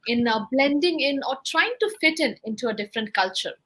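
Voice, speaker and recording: A woman's voice: high voice, expressive, brisk, fairly bright tone, low-quality recording. A woman, moderating an interview in a polite, hesitant way.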